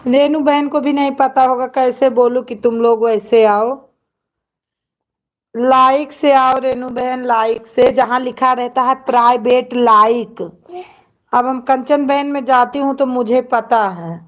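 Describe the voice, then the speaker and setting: A woman's voice: a little high, steady tone, unhurried, muffled recording. A woman hosting a casual live stream, chatting with viewers and scolding and soothing children in between.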